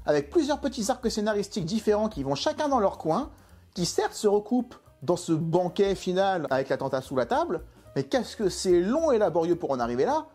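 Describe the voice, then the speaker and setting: An exasperated man delivers an opinionated film review. His mellow voice swings up and down a lot as he throws out rhetorical questions, with faint music underneath. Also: a little high.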